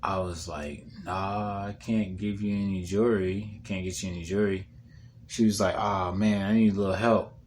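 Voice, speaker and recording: A comedian telling a rambling, profane story in a casual monologue, often dropping into a low mutter when repeating what was said. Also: male voice, fairly even intonation, normal speed, a little mellow, a little hiss or hum.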